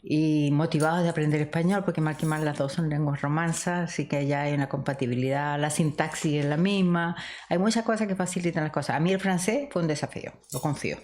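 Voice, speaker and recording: A woman's voice: deep voice, fairly quick, slight background noise. A middle-aged woman from Chile, co-hosting a podcast and telling stories of her past in a reflective, conversational way, laughing often. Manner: warm, reminiscing, laughs often. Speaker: podcast co-host.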